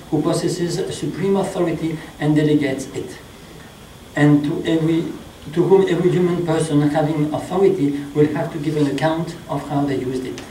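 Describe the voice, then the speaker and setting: Slow, mellow priest with a French accent. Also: male voice, fairly high pitch, slight background noise. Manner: slow, measured reading. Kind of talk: sermon read from notes. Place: small chapel. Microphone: stand mic. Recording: echoey chapel, mic at a distance.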